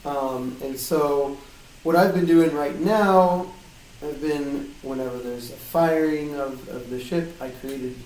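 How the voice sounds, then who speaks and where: A man being interviewed, explaining his work in a casual, halting way in a hard-walled office with a metallic flutter echo. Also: a little high, a little mellow. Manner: hesitant, halting, loosely worded. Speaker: game audio designer being interviewed. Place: small hard-walled office in co-working space. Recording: roomy flutter echo, distant mic, faint noise.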